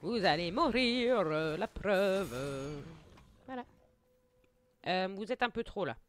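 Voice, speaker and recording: A woman hosting her gaming channel, giving excitable play-by-play commentary, taunting enemies and muttering to herself, jittery from too much coffee. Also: mid-range voice, slow pace. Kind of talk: live gameplay commentary.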